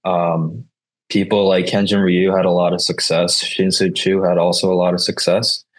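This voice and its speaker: Young male college athlete guest, very low and monotone, soft-spoken and hesitant. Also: moderate pace. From South Korea. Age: about 20. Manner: soft-spoken, hesitant with many uhs and restarts. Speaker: college baseball player, guest. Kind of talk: casual interview answers.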